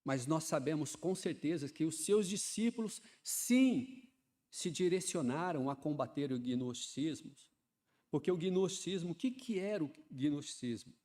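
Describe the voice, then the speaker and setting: A man, preaching a sermon in a chatty style that swells into loud, fervent emphasis. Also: on the high side, expressive, measured pace. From Ceará, Brazil. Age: 50s. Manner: conversational preaching, often adds "né", builds to loud fervent emphasis.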